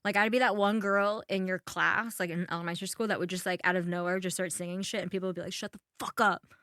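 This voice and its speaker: A young woman from New York tells stories on a podcast, casual and animated. She swears freely and leans on "like" as she goes. The sound is close and dry, with nothing behind her. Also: fairly low pitch, fast talker, no echo. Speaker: comedian guest.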